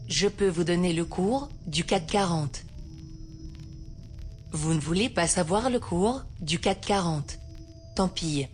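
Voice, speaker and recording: A woman voicing a female synthetic assistant who talks in a soft, flat way and shrugs off every refusal. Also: on the low side. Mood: deadpan. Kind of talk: comedy sketch.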